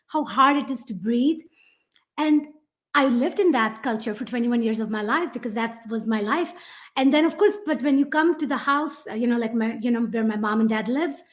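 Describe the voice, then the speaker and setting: A middle-aged woman with a Pakistani accent and a voice that sits high appears as a guest on a podcast. She tells her story in an animated, rambling interview full of fillers.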